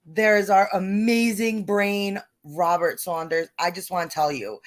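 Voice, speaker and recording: Excitable New York woman hosting a stream. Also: fairly low pitch. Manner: excitable, greets viewers by name, laughs often. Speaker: host. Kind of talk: casual live-stream chat.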